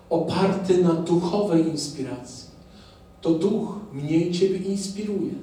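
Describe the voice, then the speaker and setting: A man's voice: sits high, mellow. A man preaching a sermon to his congregation, putting rhetorical questions to them and drawing their responses. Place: church hall. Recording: very echoey, from far off.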